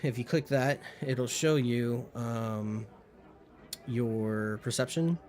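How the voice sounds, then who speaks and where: A man's voice: mid-range voice, slow pace, a little mellow. A man acting as game master, describing a scene and explaining dice rolls with many fillers. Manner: rambling, lots of fillers. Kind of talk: narrating a tabletop game over voice chat.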